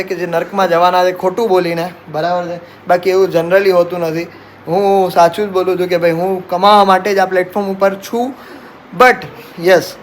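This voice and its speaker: A man's voice: high voice, slight background noise. A young man, chatting casually to camera as a family vlogger, often dropping in "barabar chhe".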